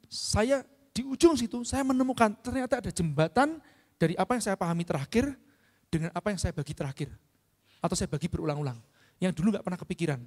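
A middle-aged man giving a motivational business talk, often asking his listeners whether they understand and clearing his throat. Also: sits high. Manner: checks understanding with frequent tag questions. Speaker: business speaker. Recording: long hall reverb.

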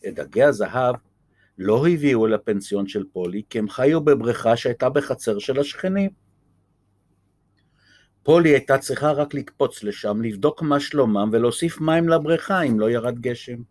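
A man reading a children's chapter book aloud in a gentle, lively way. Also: medium pitch, dry recording. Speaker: storyteller.

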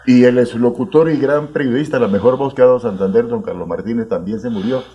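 Colombian male radio host, emphatic, mellow and slightly raspy. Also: medium pitch, fast talker. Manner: emphatic, declamatory. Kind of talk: radio talk show. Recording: dull lo-fi radio sound.

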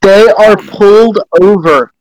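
High-pitched man through a voice changer. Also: slow pace, slight background noise. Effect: voice changer toy distorting his voice. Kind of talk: casual group voice chat. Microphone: muffled online chat microphone.

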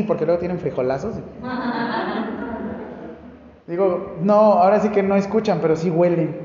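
A man with a Mexican accent giving a lively, joking classroom lecture to nursing students and asking the class questions. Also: high-pitched, slight background noise. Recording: echoey hall, dull lo-fi sound.

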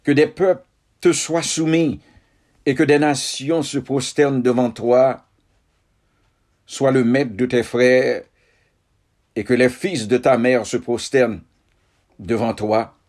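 Scripture is read aloud by a man in a solemn, measured way, the text broken into short phrases. His pitch is ordinary mid-range, his tone steady and darkish, and his pace very unhurried.

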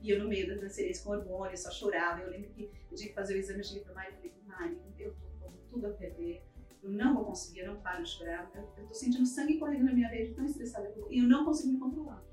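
A woman's voice: medium pitch, steady tone, racing, warm tone. A woman, a podcast guest, telling a personal story and acting out what each person said. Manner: vivid, acts out quoted dialogue. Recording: roomy, distant mic, faint music behind.

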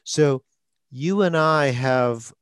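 A man hosts a podcast as a stuttering coach, speaking very slowly in short phrases, with an occasional stutter block, in a conversational coaching style. His medium-pitched voice sounds clean, recorded at studio quality with no room sound.

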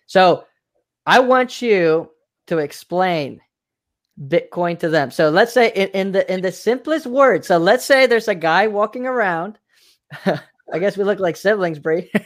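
A man from Mexico hosting a casual livestream chat, rambling and hedging with filler phrases. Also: sits high. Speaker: livestream host.

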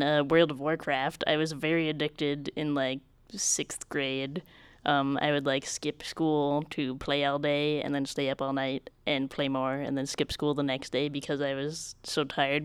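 A young woman chatting casually about games, talkative and quick, laughing often and filling with "like". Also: sits low, flat delivery, clear, resonant tone, no echo.

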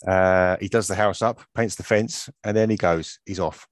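A man co-hosting a podcast in casual fan chat, talking in a measured, musing, self-deprecating way. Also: sits low, steady tone, no echo. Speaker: podcast co-host.

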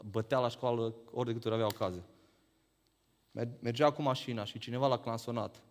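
A man preaching a sermon, firing rhetorical questions that climb to emphatic peaks and then drop low. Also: fairly even intonation, big-room sound.

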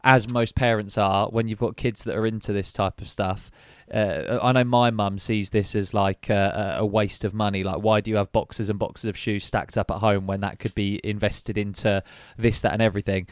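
A man's voice: on the low side, steady tone, normal speed, smooth, no room sound, studio quality. A young man co-hosting a podcast, chatting casually and rambling with fillers. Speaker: podcast co-host. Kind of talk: casual chat.

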